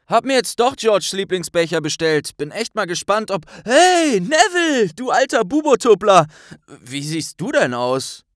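A man's voice: high voice, moderate pace, few pauses, no room sound, studio quality, voice pushed up, close to an everyday voice. A man voicing a boastful, joking teenage wizard in a fan-made audiobook. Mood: cheerful. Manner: loud, swaggering and pleased with himself.

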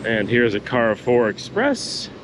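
A man's voice: medium pitch, big pitch swings, unhurried, background noise. A man giving casual commentary on a walking tour through city streets, pointing out shops as he walks. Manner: chatty, pointing things out as he walks. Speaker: vlogger.

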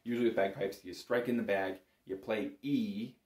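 A middle-aged bagpipe instructor with a lowish, slightly mellow voice and fairly even intonation gives an informal music lesson to camera at a normal speed, explaining things and often checking in with "right?". He's in a small indoor music room with instruments on the walls, recorded on a phone camera a short distance away, with a roomy echo.

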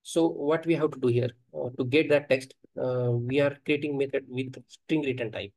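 A medium-pitched man, recorded dry, walks through software testing in a screen-recorded coding tutorial. He speaks haltingly, thinking aloud as he types, with frequent fillers.

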